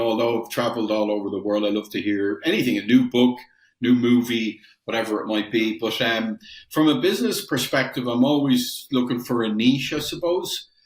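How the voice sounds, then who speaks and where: A middle-aged Irish man from Dublin, the founder of a metals company, answers interview questions in a lowish voice, chatting casually with lots of fillers and restarts. He's a guest recorded at his roomy home in Ireland, and the audio is rough with an echoey room sound.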